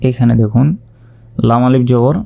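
A man teaching Quran reading, spelling each word out letter by letter and then chanting it slowly and drawn out. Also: mid-range voice, level tone, creaky, dark tone. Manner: slow drawn-out chanted recitation between spoken explanations. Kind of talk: spelling out recitation step by step.

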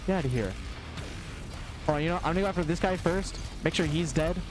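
Fast and a little high-pitched, a young man of roughly twenty talks casually to his live-stream chat while gaming. He reads the messages aloud, reacts to the action, and swears and yelps whenever enemies jump out, all over background game music.

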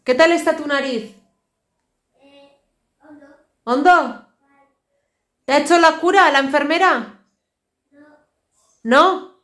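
Recording a casual vlog chat in her echoey tiled kitchen, a family vlogger in her thirties holds her phone camera at arm's length and rambles tiredly with weary asides. A native Basque speaker with a Basque Spanish accent, she talks slowly in a high-pitched, fairly bright voice.

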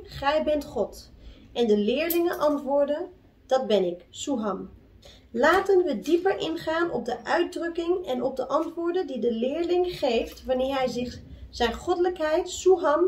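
A woman slowly explaining a sacred syllable and leading a group in chanting, addressing her listeners formally. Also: high-pitched, reverberant, distant mic. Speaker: spiritual teacher. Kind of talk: teaching and guided chanting.

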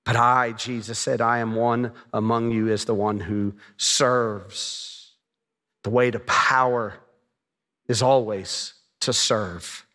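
A man in his fifties preaching a sermon on a large church stage, telling stories with lively gestures. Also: medium pitch, slow pace. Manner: animated storytelling preacher, gestures a lot. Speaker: pastor. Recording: long reverb of a large hall.

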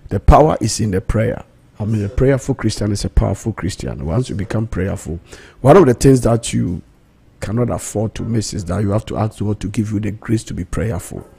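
A man's voice: lowish voice, brisk, gravelly, dark tone, slightly rough. A middle-aged man, preaching as host of a prayer broadcast, emphatic and repeating key phrases, on a close studio mic. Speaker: pastor and prayer programme host. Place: small indoor radio studio. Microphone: close studio mic on boom arm, headphones.

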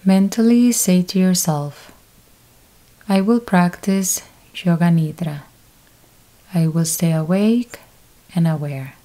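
A yoga nidra teacher leads a deep-rest meditation, giving short instructions very slowly with long pauses in between. Her low, mellow voice stays relaxed and unhurried, guiding calmly step by step.

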